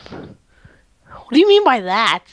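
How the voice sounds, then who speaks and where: A teenage boy talks over a headset call while gaming. He speaks slowly, with a voice that swings up and down, and he swears and yelps whenever he loses. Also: very high-pitched, sing-song, fairly bright tone. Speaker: gamer friend. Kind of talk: casual chat over voice call.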